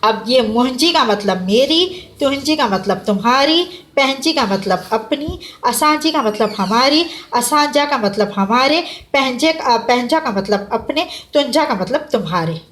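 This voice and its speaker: Woman teacher, a touch high-pitched, patient and slow with her students. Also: animated, fairly bright tone. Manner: patient, addresses students as "beta", slows to spell out words. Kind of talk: classroom lesson.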